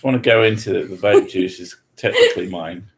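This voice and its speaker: With a fairly low voice and a slightly quick delivery, this British podcast host fields questions in relaxed conversation. He jokes around, swears freely and laughs a lot.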